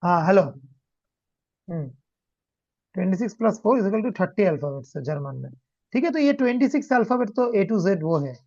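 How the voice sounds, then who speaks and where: A man's voice: sits high, very animated, normal speed, long pauses, darkish tone, dry recording. Male language tutor on a muffled video call, patient, mixes two languages. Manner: mixes Hindi and English, keeps checking understanding. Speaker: German language teacher. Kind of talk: online demo class. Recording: dull lo-fi call audio.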